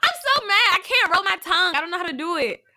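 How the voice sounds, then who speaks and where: A young woman co-hosting a podcast in casual chat, animated and slangy, laughing often. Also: extremely high pitch, fast talker. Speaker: podcast co-host. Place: home, Minneapolis.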